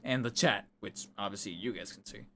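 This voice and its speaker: Here a male streamer chats on a casual livestream, rambling and self-correcting, his voice wearing out over time. His pitch is fairly low, his delivery a little fast and sharp-toned, and a faint hiss or hum comes through the desk microphone in his home room.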